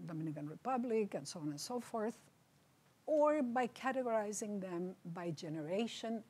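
Older woman lecturing in a husky, mellow voice. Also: fairly low pitch. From Chile. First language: Spanish. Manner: conversational, checks in with "right?" and "okay?". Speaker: lecturer on bilingualism. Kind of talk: academic presentation. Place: lecture hall.

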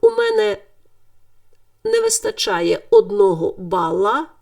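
Female teacher, lively pitch, slightly gravelly, a bit distant from the mic. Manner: clear, deliberate, stresses word endings. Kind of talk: scripted grammar lesson.

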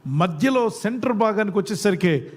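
A man's voice: high-pitched, lively intonation, moderate pace. A man preaching a sermon to a congregation, asking questions and urging them to answer aloud. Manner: call-and-response, quizzing the congregation. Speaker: pastor. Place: church service before a congregation.

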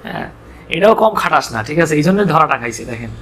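A man with a Bangladeshi accent teaching English, reading story lines slowly and explaining them with playful, teasing asides. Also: a little high, lively intonation, fairly bright tone.

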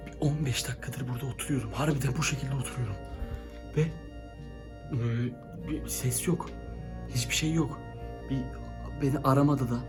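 A man vlogging at home with dramatic, breathless talk that often drops to hushed whispers. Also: mid-range voice. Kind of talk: excited vlog narration.

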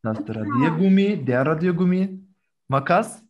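A man's voice: a little high, lively intonation, unhurried, dull audio. A male teacher giving a remote German lesson over a video call, patiently drilling vocabulary and praising his students' answers.

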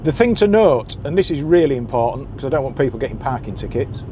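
A man's voice: mid-range voice, big pitch swings, fast talker, warm tone. A man in a moving car giving practical, chatty directions to anglers as he drives. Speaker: boat skipper's guide to anglers. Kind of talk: casual driving commentary. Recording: car and road noise behind.

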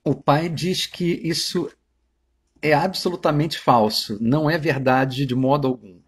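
Using movie clips, this Brazilian man explains English grammar in his Brazilian Portuguese accent and slowly, carefully repeats each English phrase. His pitch sits fairly high, and a faint hiss or hum runs under the recording.

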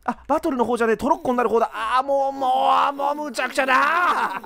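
A young man doing let's play commentary, rough-talking and exasperated, laughing often. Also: extremely high pitch, fast talker, sharp tone. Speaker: game commentator.

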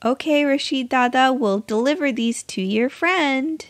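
A woman voicing a thoughtful young girl, the older sister, in a soft, gentle way. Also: sits high, unhurried, no room sound, studio quality, pitched above the performer's own voice.

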